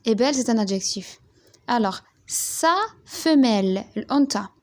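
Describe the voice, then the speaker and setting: A young woman teaching a primary school French lesson, dictating slowly and spelling words out letter by letter. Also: fairly high pitch, animated, darkish tone.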